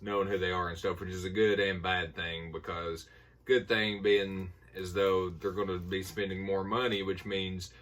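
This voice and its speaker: A man's voice: sits low, level tone, moderate pace, a bit bright. A middle-aged man with an Appalachian hillbilly accent, rambling casually and folksily through a haul vlog. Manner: folksy, informal. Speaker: movie collector showing a haul. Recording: voice distant from the mic.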